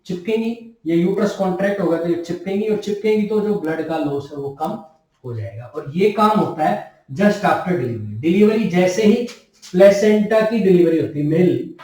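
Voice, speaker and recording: This is a man's voice, high-pitched and expressive, dark in tone, at normal speed. He's a nursing tutor lecturing students in class, going over key terms again and again and answering his own questions. It was captured with a distant mic in an echoey room.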